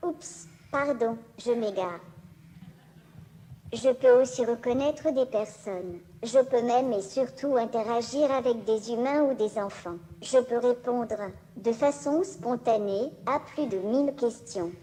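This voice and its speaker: Little robot lady voice, synthetic n cheerful, kinda high and mellow, reading out a tidy presentation. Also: slight background noise. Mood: polite, playful. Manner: measured, neatly enunciated scripted delivery. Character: small cheerful humanoid robot presenting itself. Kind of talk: scripted presentation.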